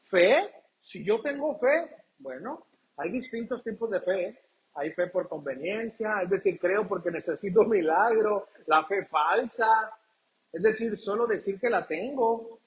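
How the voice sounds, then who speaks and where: A man preaching a sermon, asking the congregation questions and reading scripture slowly. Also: sits high, poor audio. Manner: reads scripture aloud slowly and deliberately. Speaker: pastor.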